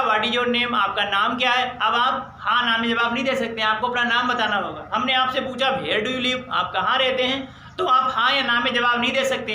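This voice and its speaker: A man's voice: extremely high pitch, pushed and bright, echoey room, a little hiss or hum, low-quality recording. A male grammar teacher, explaining sentence types step by step, repeating his examples and checking that the class understood. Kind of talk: spoken grammar lesson.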